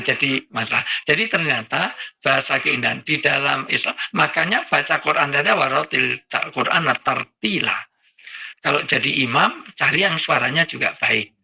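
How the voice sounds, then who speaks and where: A man's voice: fairly high pitch, vocal fry, pushed and bright, breathy edge. A middle-aged man preaching with humor as a talk-show guest, full of jokes and little acted-out exchanges. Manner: joking, acts out little dialogues and sounds.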